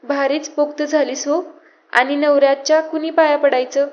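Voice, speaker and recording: A woman's voice: high-pitched, little pitch movement, moderate pace, a little mellow, natural voice. A woman reading the part of a commanding, affectionate queen mother who teases and scolds, in an audiobook. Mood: teasing, scolding. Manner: teasing, scolding, firm. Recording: slightly muffled lo-fi audiobook audio.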